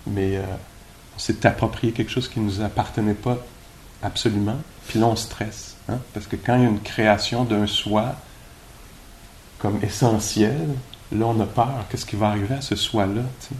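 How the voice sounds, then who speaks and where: A meditation teacher with a Québécois French accent gives an informal, conversational dharma talk at a retreat, musing aloud with rhetorical questions. His voice is fairly low and steady, his pace moderate, with slight background noise.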